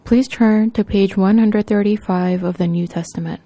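Woman preacher, sermon, measured deliberate delivery, mellow voice, dry sound. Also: medium pitch, fairly even intonation, no echo.

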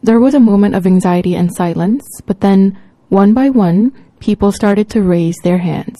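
Mellow-voiced woman preaching a sermon. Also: mid-range voice, moderate pace, no echo.

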